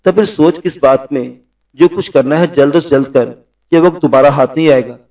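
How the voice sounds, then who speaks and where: A man voicing a scheming, sharp-tongued woman in a spoken story. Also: fairly high pitch, recorded from a distance, lightly acted, poor audio. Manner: taunting, provocative.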